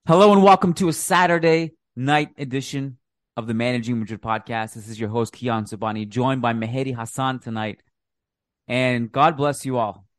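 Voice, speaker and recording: A man's voice: mid-range voice, fairly quick, dry recording, studio quality. A man hosting a podcast in casual chat, wry and rambling. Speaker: podcast host.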